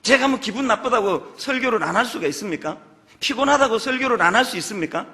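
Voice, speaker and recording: Middle-aged Gyeongsang pastor, high and forceful, earnest sermon in a reverberant church. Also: male voice, animated, fast talker. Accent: Gyeongsang Korean. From Gyeongsang region, South Korea. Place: large church sanctuary. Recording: long church hall reverb.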